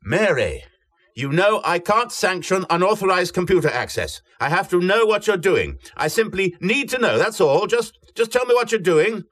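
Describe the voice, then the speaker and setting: A stern, budget-minded project director. He speaks in a clipped, authoritative way, with pitch that rises and falls a lot. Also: sing-song, normal speed, fairly bright tone, heavily acted.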